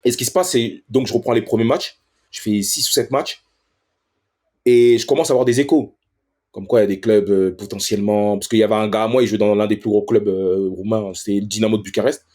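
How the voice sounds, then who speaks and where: A man's voice: lowish voice, steady tone, fairly quick, mellow. A professional footballer, a man, telling a story as an interview guest in slangy street French and acting out other people in raised voices.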